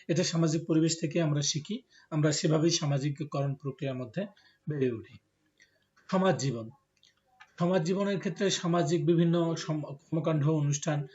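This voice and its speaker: A male teacher, giving a classroom lecture and explaining slowly with many fillers. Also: on the high side, darkish tone. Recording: dull lo-fi recording.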